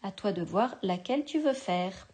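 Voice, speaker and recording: A woman teacher giving a slow, patient spelling lesson to a young child, sounding out each syllable with care. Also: medium pitch, expressive, a little mellow.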